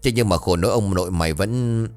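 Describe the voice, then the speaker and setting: A man voicing a gruff, secretive older village uncle who dodges questions in a hushed, low tone. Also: fairly quick, faint music behind, natural voice. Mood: evasive.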